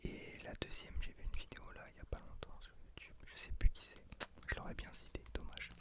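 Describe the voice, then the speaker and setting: A man in his late twenties speaking in an unvoiced library whisper, an ASMR whispered role-play, hesitant and intimate as he addresses the listener. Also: fairly quick. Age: late 20s. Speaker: ASMR creator and host.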